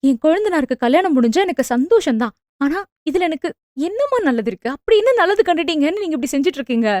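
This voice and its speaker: A woman's voice: high voice, lively intonation, fast, dry recording, clean studio sound. A woman voicing an angry young married daughter who sharply reproaches her mother. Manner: sharp, accusing, emphatic.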